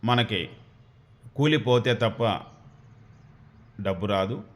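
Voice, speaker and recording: A man voicing a poor widowed village mother who gently coaxes her son. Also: on the low side, takes it slowly. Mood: coaxing.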